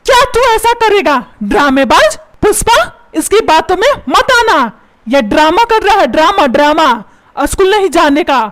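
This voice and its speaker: A woman's voice: very high-pitched, expressive, normal speed. A woman voicing a put-upon cartoon father who grumbles and complains about being treated like a servant. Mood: mocking.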